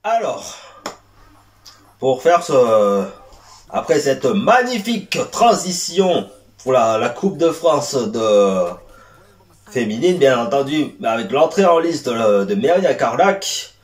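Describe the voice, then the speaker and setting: A man's voice: mid-range voice, big pitch swings, slow, reverberant, far from the mic. A man hosting a casual football debrief vlog, hesitant and full of fillers.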